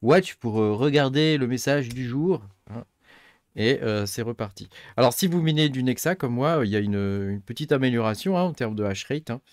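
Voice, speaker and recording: A man, middle-aged, hosting a casual tech tutorial, thinking aloud and filling pauses with many hesitations. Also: mid-range voice, animated, a little mellow, no room sound, studio quality. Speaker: tech channel host. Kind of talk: casual screen-recorded tutorial.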